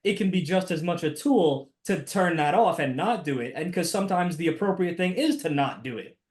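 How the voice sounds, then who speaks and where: A man with a New Jersey accent, a podcast guest talking in a lively, casual way with many restarts. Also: on the high side, a little fast. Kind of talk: casual conversation.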